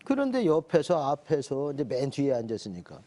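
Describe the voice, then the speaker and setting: A man's voice: mid-range voice, wildly swooping pitch, a little fast, mellow. A middle-aged man, a pastor, telling a personal testimony and acting out his own quoted words. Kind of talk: personal testimony told in a talk show.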